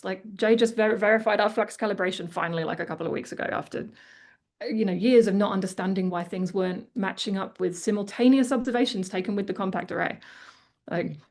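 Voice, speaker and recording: A woman's voice: mid-range voice, a little mellow. Australian woman, conference presenter, candid and conversational, mid-range voice. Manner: candid, conversational, many fillers like "like". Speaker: conference speaker. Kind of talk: conference talk and Q&A chat.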